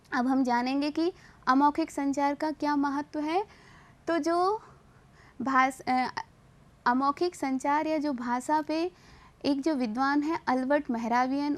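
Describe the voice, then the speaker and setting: High-voiced woman teacher lecturing. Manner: explanatory, mixes in English terms, frequent restarts. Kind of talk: classroom lecture.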